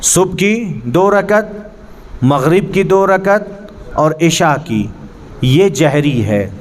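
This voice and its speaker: High-voiced man teaching Quran pronunciation. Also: expressive. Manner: earnest, corrects pronunciation, demonstrates Arabic sounds. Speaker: religious teacher. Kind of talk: Quran recitation class. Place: mosque hall.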